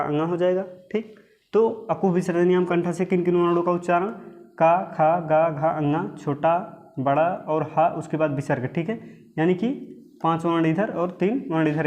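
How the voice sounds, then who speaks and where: A man's voice: on the high side, a little mellow, muffled recording. Man teaching, checking in with "ठीक है". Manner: repeats points, checks with "ठीक है" often; asks questions and answers them himself. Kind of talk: exam-prep lesson.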